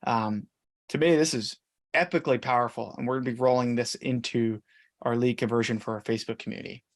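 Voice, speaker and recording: A man's voice: mid-range voice, steady tone, quick pace. A man giving a casual talk to agents on a call, chatty and upbeat, with many fillers. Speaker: realtor coach.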